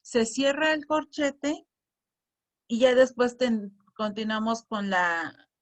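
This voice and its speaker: A woman's voice: fairly high pitch, animated, slow. A woman teacher patiently explaining a lesson, often repeating words and reading example sentences aloud with exaggerated intonation. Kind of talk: slow explanatory lesson on punctuation.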